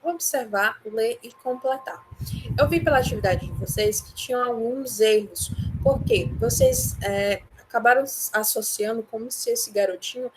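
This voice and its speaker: A woman's voice: a little high, normal speed, background noise. A woman with a Brazilian Portuguese accent, an English teacher giving an online class, patiently explaining step by step and often checking in with the students.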